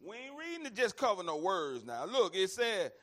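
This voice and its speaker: A man from the American South, Alabama, leads a Bible study in a high-pitched, fairly bright voice full of big pitch swings, at normal speed. It's a conversational sermon, folksy and emphatic, with phrases repeated for weight and listeners addressed as y'all.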